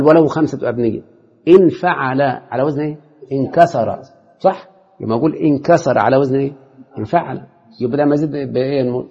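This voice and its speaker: A man's voice: medium pitch, creaky, warm tone, breathy edge. A man teaching a classroom lesson in an Egyptian Arabic accent, constantly quizzing his students with short questions. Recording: lo-fi hall recording with long reverb.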